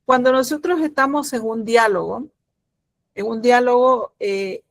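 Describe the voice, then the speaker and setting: Patiently walking students through a grammar lesson, a middle-aged woman uses frequent fillers and pauses to confirm they understand. She speaks on the high side with some vocal fry, and there's no room sound.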